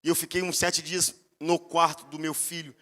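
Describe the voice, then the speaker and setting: A Brazilian man preaching a sermon with a bright, forceful voice, set a little high for a man. He tells his stories with sweeping, emphatic rises, and his words ring out with a long hall reverb behind them. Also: level tone, moderate pace. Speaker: pastor.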